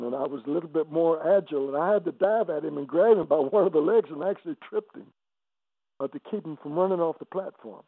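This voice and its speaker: A man in his seventies, an evangelist guest, telling emotional testimony stories on a radio interview, halting and repeating words as he goes. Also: a little high, no room sound. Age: 70s. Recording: dry, phone-like radio line.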